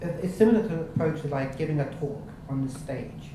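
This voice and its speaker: A woman speaks slowly and hesitantly on a panel in a low voice. The recording is full of echo and clear background noise. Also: animated. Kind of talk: hesitant casual panel talk. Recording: very echoey, noisy room.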